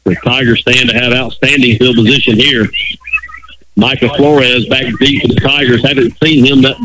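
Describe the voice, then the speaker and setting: A man announcing a high school football game live on radio, calling the action in a rapid running commentary. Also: fairly even intonation, background noise. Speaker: play-by-play announcer.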